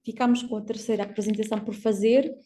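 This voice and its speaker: A woman from Portugal with a European Portuguese accent, moderating an academic online panel and often pausing with "ah" and "não é?". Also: medium pitch, flat delivery, warm tone. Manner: hesitant, fills pauses with "ah" and tags "não é?". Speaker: session debater and moderator. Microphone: video call.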